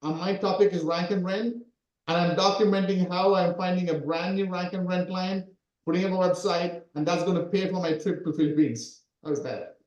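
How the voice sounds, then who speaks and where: A man in his forties, raised in Sri Lanka, talks in a high but mellow voice, coaching and again and again asking "right?" to check that people follow. The sound has a roomy echo, as if it was taken on a call in an untreated room. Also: steady tone, normal speed, highs cut off. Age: 40s. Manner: repetitive, keeps asking "right?". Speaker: SEO coach. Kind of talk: coaching talk in an interview.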